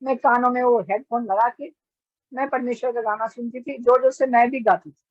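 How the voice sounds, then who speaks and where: Speaking a little fast in a steady, slightly high voice, a middle-aged woman shares a heartfelt personal testimony in storytelling fashion. She frequently starts her sentences over. The audio is dry, dull and lo-fi.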